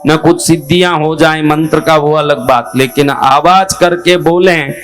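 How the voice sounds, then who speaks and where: Slow, higher-voiced man teaching. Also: fairly even intonation. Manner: slow, repeats key phrases and asks rhetorical questions. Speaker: spiritual teacher. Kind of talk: spoken religious instruction. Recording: faint music behind.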